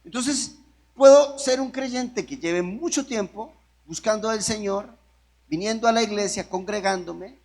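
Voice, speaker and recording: High-voiced man preaching a casual sermon. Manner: asks the congregation many rhetorical questions; conversational, with restarts and jokes.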